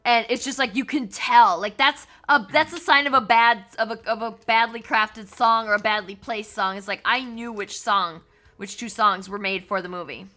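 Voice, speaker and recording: A woman hosting a casual podcast chat, animated and quick to laugh. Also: on the high side. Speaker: podcast host.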